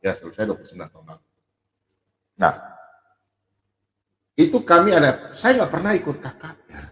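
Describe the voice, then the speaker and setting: Lively preaching man in an echoey hall. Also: fairly high pitch, a little fast. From Sulawesi. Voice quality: animated, swings between loud emphatic and soft asides, acts out quoted voices. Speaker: pastor. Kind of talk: sermon. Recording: echoey hall with long reverb.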